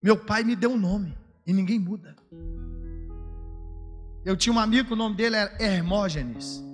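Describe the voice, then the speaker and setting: Man, preacher, sermon, shouting then hushed, soft guitar behind, long reverb. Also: normal speed. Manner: swings from shouted fervor to low confiding talk. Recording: music under, long hall reverb.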